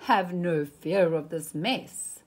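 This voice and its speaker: A woman's voice: on the low side, slow pace, a little mellow. A woman voicing an unruffled, playful trickster tomcat from a storybook, reassuring like a confident showman. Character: unruffled, playful male trickster cat in a hat.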